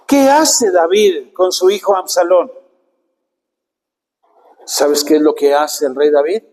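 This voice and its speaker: A man preaching a sermon, earnest and slow, often turning to the listener with direct questions. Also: high voice, darkish tone, in a large hall, poor audio.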